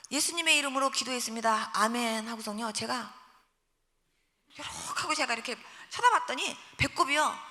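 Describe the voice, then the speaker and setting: A woman's voice: high voice, in a large hall. A woman pastor telling a testimony in a sermon, acting out prayers and the voices of people in her story. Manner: animated storytelling, acts out prayers and quotes. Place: church sanctuary.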